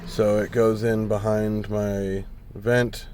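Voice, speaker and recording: Slow and fairly low, his voice is a little mellow and barely shifts in pitch. The man shows a DIY truck install from the cab in a casual, plainspoken way, grumbling a bit as he points out details, with faint vehicle noise on the handheld camera audio.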